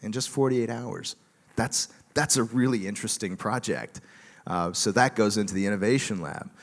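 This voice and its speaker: A man giving a relaxed conference talk with a joking tone and many fillers, speaking in a large auditorium. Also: on the low side, moderate pace, gravelly, big-room sound.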